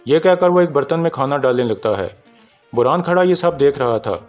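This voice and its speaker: A man with a Pakistani Urdu accent narrates a drama episode recap in a steady storytelling manner, reading the characters' lines out in his own voice. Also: medium pitch, normal speed. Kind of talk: scripted narration. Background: faint background music.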